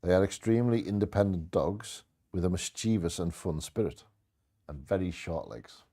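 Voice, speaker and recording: Male co-host for bingo, low-pitched and warm, part scripted reading, part offhand chat. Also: animated, normal speed, husky. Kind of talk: reading short fact blurbs with casual asides.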